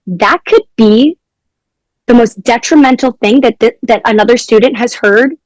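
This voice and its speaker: A woman's voice: a little high, moderate pace, a little mellow, no echo. A young adult woman, a former teacher, telling stories from her classroom in a casual interview.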